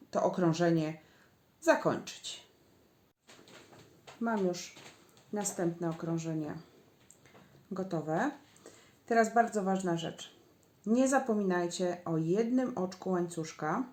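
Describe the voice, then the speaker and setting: Woman crochet teacher, unhurried step-by-step guidance, echoey room. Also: lowish voice, darkish tone. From Poland. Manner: slow, patient instructions, counting stitches aloud. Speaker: crochet instructor.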